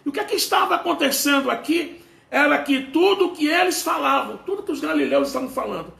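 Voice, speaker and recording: A man's voice: extremely high pitch, expressive, quick pace, gravelly, fairly bright tone, echoey room. A man preaching a sermon, explaining a Bible passage to his listeners.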